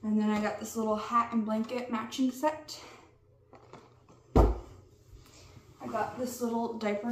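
A young woman chats slowly through a haul of baby gifts, slightly out of breath from pregnancy. Her voice sits back from the mic in an echoey room. Steady background noise runs underneath. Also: mid-range voice, recorded from a distance. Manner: slow, unhurried show-and-tell of items. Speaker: vlogger. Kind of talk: casual haul vlog.

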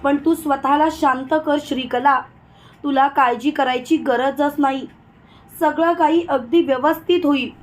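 A woman's voice: high-pitched, steady tone, a little slow. A woman voicing a scheming confidante who scolds and reassures an angry young woman, in a retold serial story. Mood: reproachful. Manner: reproachful then reassuring.

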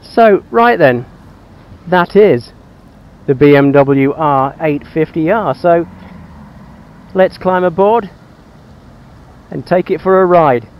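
A man casually reviewing his own motorcycle outdoors on country lanes, plain-spoken with frequent pauses. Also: a little high, animated, highs cut off. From England. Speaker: motorcycle vlogger.

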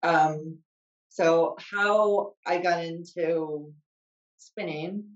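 A man from Scotland, a spinning instructor, speaking slowly and in a measured way on a video call. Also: on the high side, fairly even intonation. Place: home room with exercise bike. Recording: distant roomy dull webcam sound.

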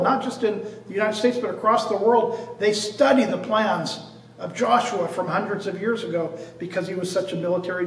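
An older, high-pitched pastor preaches earnestly from a church pulpit before a stained glass cross, stressing each point with repeated phrases and restarts. A far-off camera at the pulpit picks him up, so the sanctuary sounds echoey and distant.

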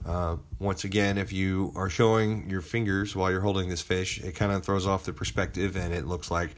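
A man hosting a travel and fishing vlog, narrating his trip in a relaxed, conversational voice-over with frequent "uh" fillers. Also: sits low, moderate pace. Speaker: vlog host.

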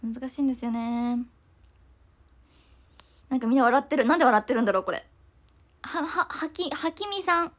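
On a livestream, a young woman reads viewer comments aloud in rapid, casual chatter, frequently apologizing. She has a high voice.

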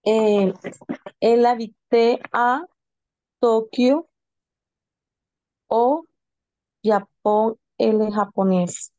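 A woman student in an online class who reads aloud haltingly, with fillers. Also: fairly high pitch, steady tone, warm tone, no echo, highs cut off.

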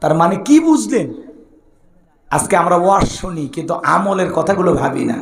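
A man preaching a fiery sermon, shouting and chanting verses in a melodic lilt. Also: sits high, very animated, normal speed. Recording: roomy echoing public-address sound.

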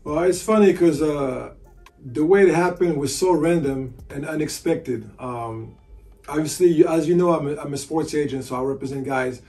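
A man's voice: fairly high pitch, moderate pace, dark tone, recorded from a distance, soft background music. A man in his forties, a sports agent, answering interview questions casually with lots of "you know" fillers, seated in a hotel room. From France. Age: 40s. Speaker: sports agent and basketball analyst.

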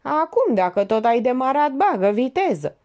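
A woman's voice: high-pitched, sing-song, a little mellow, voice pushed up. A woman voicing a cynical, blunt young man in an audiobook, with a sneering, slangy way of talking.

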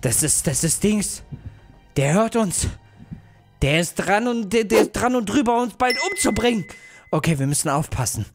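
A young man narrating a mobile game as a YouTuber, excitable and yelping in fright. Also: high-pitched, moderate pace, music in the background. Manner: excitable, yelps and shouts in fright. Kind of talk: let's play commentary.

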